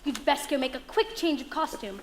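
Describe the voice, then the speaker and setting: Woman playing a high, arch music hall performer. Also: animated, fairly quick, slight background noise. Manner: arch, playful, projecting to the audience. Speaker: stage actress in a music hall murder mystery. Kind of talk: live theatrical performance. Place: theatre stage before a live audience.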